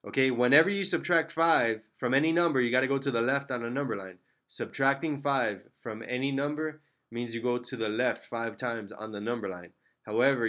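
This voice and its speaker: A man's voice: medium pitch, fairly bright tone. A man teaching a math lesson, working through problems step by step and checking in with "okay?" and "all right?", with the odd self-mocking joke. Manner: light self-deprecating asides.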